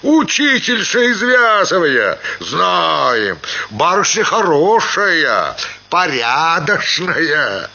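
A man's voice: fairly high pitch, big pitch swings, very slow, gravelly, lo-fi sound, voice pushed up, exaggerated voice. A man voicing rowdy drunk peasant men calling out across a tavern. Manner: shouting, rowdy.

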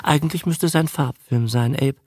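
In this audiobook reading, a man voices a vain, naive young film starlet, speaking a little high and above his natural pitch at a normal speed. She chatters in a breathy, dreamy, gushing way. The recording is studio quality with no room sound.

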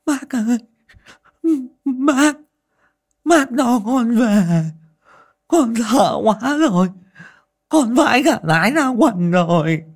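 A man voicing a terrified young village woman who sobs and begs in a high falsetto. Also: animated, slow pace, pauses often, full character voice. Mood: pleading. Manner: sobbing, pleading, high falsetto.

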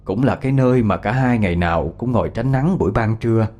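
A man's voice: fairly low pitch, fast talker. Man telling a ghost story. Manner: lively, expressive storytelling. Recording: faint background music.

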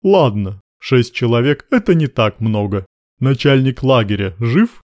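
A man's voice: medium pitch, lively intonation, unhurried, darkish tone, dry recording, close to an everyday voice. A man voicing a cool, commanding male major with dry irony in an audiobook. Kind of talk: audiobook narration.

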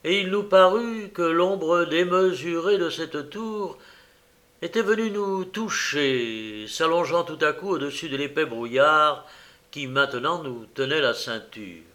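A male audiobook reader narrating a fantasy short story in a measured, expressive way. His voice sits a little high for a man. He reads slowly and deliberately.

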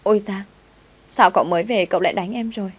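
A woman's voice: mid-range voice, fast, breathy edge, natural voice. A woman voicing a clingy, tearful young servant girl who whines and pleads. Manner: whiny, pleading.

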